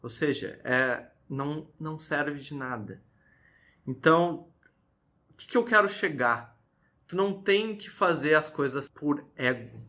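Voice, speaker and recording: A man's voice: fairly high pitch, a little slow, pushed and bright. A man, talking to camera in an earnest, confessional way about his faith. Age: early 20s. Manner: earnest, preachy, addresses viewers directly with frequent "tá?". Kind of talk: casual confessional talk to camera.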